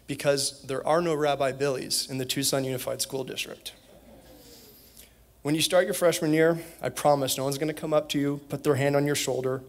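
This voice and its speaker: Earnest young man giving a graduation speech. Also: a little high. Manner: earnest, direct, advising. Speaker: graduation speaker, alumnus. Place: school event hall.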